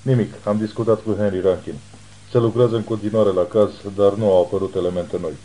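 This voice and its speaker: A man reading the lines of a private detective who speaks in a measured, reassuring way. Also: fairly low pitch, fairly even intonation, mellow, lightly acted, rough recording.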